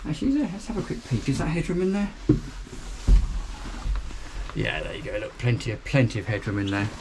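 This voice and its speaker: A man's voice: mid-range voice, big pitch swings, a little fast, noisy background. A man, giving an upbeat walkthrough tour of a small motor boat cabin, filmed on a handheld camera. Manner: chatty, upbeat, pointing out features as he moves. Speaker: boat reviewer.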